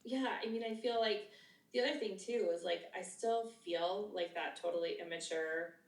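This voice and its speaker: A woman around fifty, co-hosting a podcast, tells stories in casual, chatty conversation and laughs often. Her mid-range voice moves at a moderate pace, but she's far from the mic in an echoey room.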